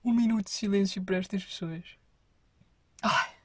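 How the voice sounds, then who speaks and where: A woman's voice: medium pitch, normal speed, husky, dry recording. A woman with a European Portuguese accent, telling a rambling comic story to her viewers, with whispered asides. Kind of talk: casual comic monologue.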